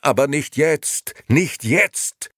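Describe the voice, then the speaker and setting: A man's voice: lowish voice, sing-song, normal speed, creaky, husky, no room sound, clean studio sound, voice pushed up, exaggerated voice. A male reader voicing a hot-tempered, exasperated young man who is at the end of his nerves. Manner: shouting, desperate, exasperated.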